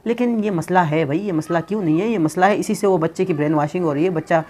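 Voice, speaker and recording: A man's high, slightly mellow voice moves fast as he teaches English pronunciation in a relaxed video lesson. He jokes, teases his viewers while explaining, and mixes English phrases into his speech.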